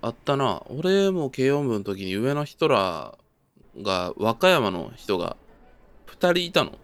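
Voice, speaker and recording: A man's voice: mid-range voice, sing-song, a little slow. A young man with a Kansai accent, chatting casually as a podcast co-host, explaining his thoughts in an agreeable way. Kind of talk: casual chat.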